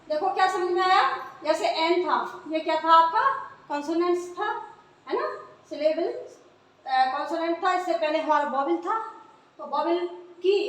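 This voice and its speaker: A woman teaching English grammar in a classroom lesson, spelling words out letter by letter and answering her own questions. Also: high-pitched. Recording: echoey room, voice from far off.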